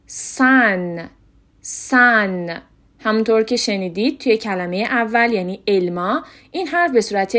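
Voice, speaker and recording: A woman teaching a pronunciation lesson, repeating each sound and example word slowly and distinctly. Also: fairly high pitch. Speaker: language teacher. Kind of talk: instructional lesson, modeling pronunciation.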